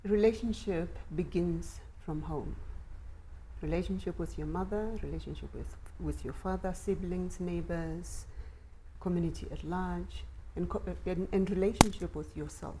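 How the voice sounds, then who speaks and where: A woman speaking as a guest on a spiritual talk show, measured and reflective, listing examples as she explains. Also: lowish voice, darkish tone, slight background noise, rough recording. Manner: measured, reflective, lists examples, affirms with "absolutely". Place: studio.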